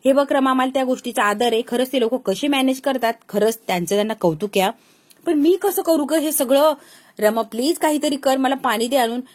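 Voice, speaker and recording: A woman voicing an affectionate, teasing young husband, dropping her voice a little lower for him. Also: fairly quick. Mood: pleading, curt. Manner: playful, romantic teasing.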